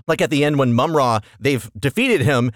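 Podcast guy, opinionated and sweary, really animated pitch, dry recording. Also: moderate pace, dry recording. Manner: emphatic, sweary, analytical. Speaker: podcast host. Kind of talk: casual opinionated review chat.

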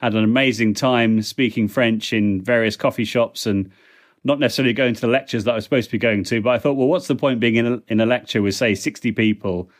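A middle-aged man with a medium-pitched voice talks fast as a podcast guest, casually answering interview questions. A language technology consultant by trade, he chats with frequent ums and small restarts.

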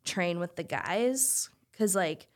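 A woman's voice: lowish voice, expressive, takes it slowly. A young woman in her twenties chats openly on a podcast about her years as a college swimmer. Her talk is loose and conversational, packed with "like" and "you know.". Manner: heavy use of "like", chatty and candid. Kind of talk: casual chat.

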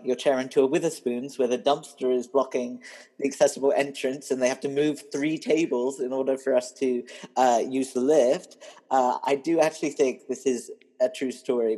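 A young man talks in a middle-pitched, breathy voice on a podcast. He reacts with quick laughs and plenty of fillers. The feel is loose and friendly. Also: mellow, rough recording. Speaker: podcast co-host. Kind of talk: casual chat.

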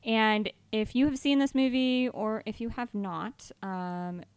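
A woman's voice: fairly high pitch, takes it slowly, clean tone, no echo. A woman with an Ohio accent co-hosting a horror movie podcast, playful and laughing, stretching words for emphasis. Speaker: podcast co-host. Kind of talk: casual horror podcast banter.

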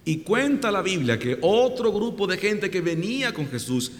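A man's voice: sits high, moderate pace. A man preaching a humorous sermon, retelling a story with playful acted-out voices. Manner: animated, jokey, acts out voices in the story. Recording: long hall reverb.

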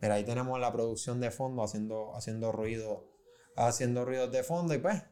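A man talks casually in a studio, his voice pitched mid-range for a man. He tells stories loosely and slangily, often restarting his sentences. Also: fairly quick, dark tone. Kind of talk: casual chat. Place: recording studio.

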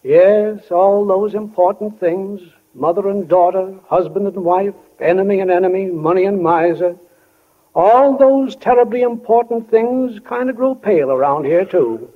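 On a tinny old 1940 radio broadcast, an actor in a 1940s radio play narrates as a folksy small-town storyteller. His male voice sits high, and his mood is wistful and musing. He speaks in a homespun, unhurried way, reflecting aloud and addressing listeners as friends.

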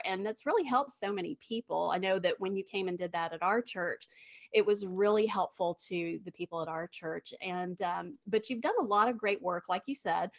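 A woman with a medium-pitched voice speaks as a podcast co-host. Her delivery is casual and conversational.

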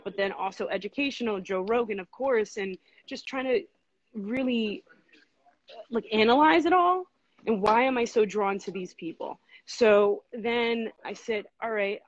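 A woman guest talking casually in an interview, relaxed and chatty with plenty of fillers. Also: medium pitch, no room sound, lo-fi sound. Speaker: podcast co-host and guest.

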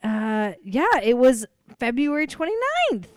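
A woman's voice: a little high, huge pitch swings, a little slow, dry recording, studio quality. A woman co-hosting a podcast, chatting casually and playfully, swearing lightly and joking off on tangents. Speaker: podcast co-host. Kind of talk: casual chat.

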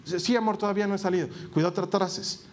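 Patient, placating wife played by a male preacher, high voice, explaining herself gently. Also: fast talker, lightly acted. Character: patient wife answering her controlling husband.

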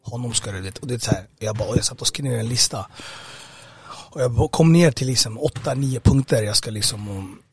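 A man giving a personal testimony in an interview. He talks conversationally and haltingly, with many fillers and repeated words. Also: medium pitch. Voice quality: husky. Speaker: interview guest.

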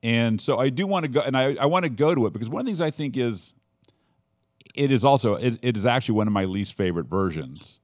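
A man's voice: mid-range voice, animated, fast, dry recording, studio quality. A man hosting a casual discussion, rambling and often restarting his sentences as he thinks aloud. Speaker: podcast host.

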